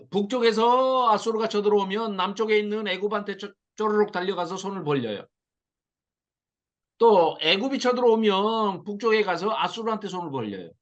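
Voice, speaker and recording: A middle-aged man teaching a Bible study to a small class, lively and often acting out mocking lines. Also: high voice, muffled recording. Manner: animated, mocks the invaders in acted quotes.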